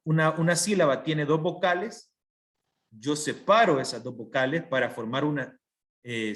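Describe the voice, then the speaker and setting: A man teaching a class over a video call, patient and methodical. He breaks every point into small steps and stops often to ask whether everyone is following. His voice sits at an ordinary middle pitch. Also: a bit bright. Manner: patient, explains step by step with frequent checks for understanding. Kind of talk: online class lecture.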